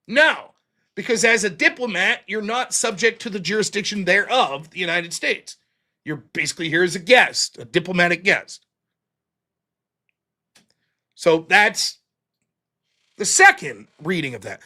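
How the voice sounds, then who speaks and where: Animated yet unhurried, this livestream host argues emphatically through a legal reading point by point on his solo political commentary show. His high voice is bright and forceful, and he pauses often.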